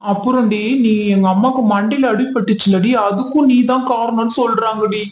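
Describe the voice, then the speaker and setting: A man's voice: very high voice, steady tone, normal speed, slight background noise. A man playing a fond husband in a home skit, calling his wife pet names and coaxing her along. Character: doting husband, affectionate, pushy about family. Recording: echoey, dull room recording.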